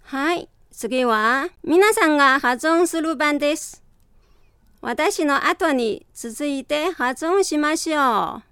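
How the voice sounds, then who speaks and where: High, bright-voiced woman teaching slowly. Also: animated, no echo, clean studio sound. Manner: careful, deliberate demonstration of sounds. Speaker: Chinese language instructor. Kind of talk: slow scripted language lesson.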